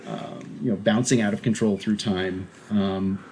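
A man co-hosting a podcast in casual chat, rambling and animated, with many restarts and fillers. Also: lowish voice, unhurried, slight background noise. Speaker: podcast co-host.

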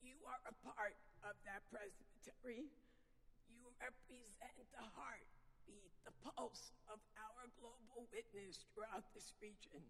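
A woman guest preacher with a husky, strained, sultry voice, addressing a congregation in measured, deliberate phrases. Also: on the high side, steady tone, fairly bright tone, a little hiss or hum. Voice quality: husky, strained voice from vocal dysphonia, self-described as sultry. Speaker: guest preacher, church executive presbyter. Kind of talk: sermon with greetings to congregation. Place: large church sanctuary. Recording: reverberant church hall, amplified.

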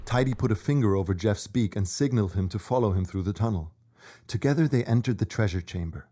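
A man reads a children's story as narrator. His voice sits fairly low and has a dark, relaxed tone suited to scripted storytelling. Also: fast.

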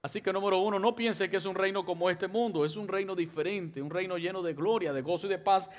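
Pastor guy preaching, kinda high voice, gets loud then drops way down, reads bible verses to the church. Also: quick pace. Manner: preaching, with sharp rises and drops in loudness; reads scripture aloud and addresses the congregation directly. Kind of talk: sermon.

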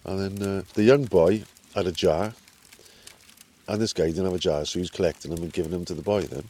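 A man's voice: low-pitched, fairly even intonation, a little fast, warm tone. A man from Wales with a Welsh accent, casually telling anecdotes outdoors. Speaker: visiting angler.

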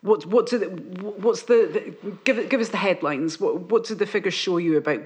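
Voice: mid-range voice, normal speed. Chatty interviewer with stumbling questions. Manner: chatty, restarts questions, laughs easily. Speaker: interviewer host.

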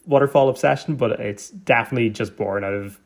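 A man's voice: mid-range voice, fast, creaky. A young Irish man with a Donegal accent, chatting casually in a wry, joking way. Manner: joking, wry, frequent 'like'. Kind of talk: casual chat.

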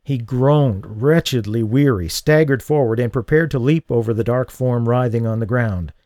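A man giving a dramatic audiobook narration of a thriller, measured and slowing for tense beats. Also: medium pitch, mellow, no room sound, clean studio sound. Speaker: audiobook reader.

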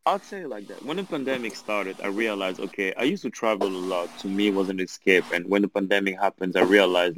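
A man with a lowish voice and a French accent, from Belgium and France, chats casually and jokingly as a podcast guest. The audio is poor, with slight background noise.

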